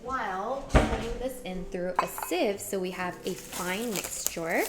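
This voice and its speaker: A woman's voice: medium pitch, unhurried, very noisy. A woman chatting playfully to her viewers while she cooks in a kitchen. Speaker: cooking streamer. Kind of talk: casual cooking chat. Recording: music playing behind.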